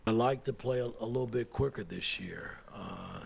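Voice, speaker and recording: A man's voice: lowish voice, normal speed, creaky, slightly rough. A man speaking spontaneously in an interview as a team coach. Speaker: sports coach.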